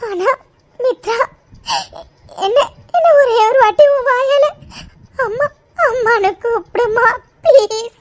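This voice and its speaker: A grieving middle-aged mother in a cartoon begs through tears in a very high voice, as a performer puts her on. She stammers and repeats her words. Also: slow, long pauses. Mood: grieving, begging. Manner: sobbing, begging, stammering. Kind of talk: cartoon voice acting.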